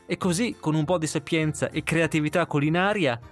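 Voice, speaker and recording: A man's voice: fairly high pitch, a little fast, soft background music. A man with a non-Sicilian Italian accent, hosting a podcast with narration and interview questions. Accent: Italian, not Sicilian. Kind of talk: scripted narration and conversational interviewing.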